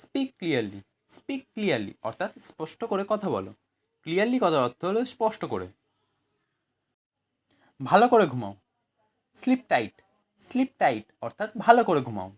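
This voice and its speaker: A woman with a Bengali accent teaching spoken English, saying each phrase slowly and then giving its meaning in Bengali. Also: sits low, huge pitch swings. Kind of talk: language lesson, phrase then translation.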